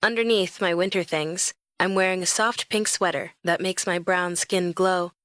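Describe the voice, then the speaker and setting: A young adult woman narrating a first-person romance audiobook in a lively, expressive storytelling manner. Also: fairly low pitch, moderate pace, no echo.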